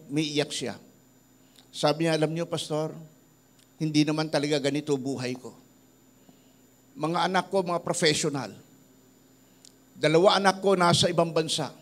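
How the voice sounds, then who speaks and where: A middle-aged man from the Philippines preaches to his church, telling stories about people he has met. His voice sits a little high, and he lifts it or drops it low as he speaks the lines of the people in the stories. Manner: tells stories in a lively voice, quoting people he met. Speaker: pastor. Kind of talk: sermon with storytelling.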